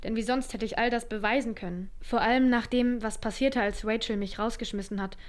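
A woman playing a calm, conscientious psychologist who narrates in a measured, reflective way and holds her ground firmly in an audio drama. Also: on the high side, natural voice.

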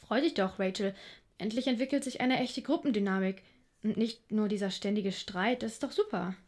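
A woman's voice: medium pitch, darkish tone, natural voice. Anna, a woman as a thoughtful psychologist. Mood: encouraging. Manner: measured and reflective, defends herself firmly. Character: calm, conscientious female staff psychologist. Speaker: psychologist and narrator. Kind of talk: audio drama narration and dialogue.

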